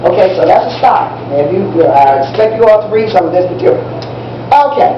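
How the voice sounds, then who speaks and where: In a live amateur one-act play, a woman plays an enthusiastic, proud teacher briefing young students on history, speaking animatedly, a little fast and encouragingly in a natural, medium-pitched voice, repeating herself for emphasis and sounding instructive and helpful. It was recorded from audience distance in a library event room, so the sound is distant, muffled, noisy and echoey.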